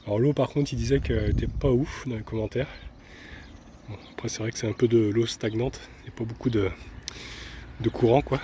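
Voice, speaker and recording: A man's voice: medium pitch, fairly quick, pauses often, a little hiss or hum. Easygoing French man chatting outdoors. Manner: chatty and relaxed, soft laughs and many "euh" fillers. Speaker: travel vlogger. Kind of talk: casual vlog narration. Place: outdoors, walking around a van and an old town.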